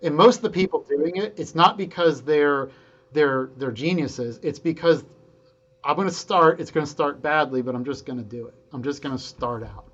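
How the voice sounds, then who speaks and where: A man telling stories from his engineering career in a casual conversation, lively and quick to act out the people he quotes. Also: a little high, breathy edge, highs cut off. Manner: animated storyteller, quick to quote himself and others. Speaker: guest engineer.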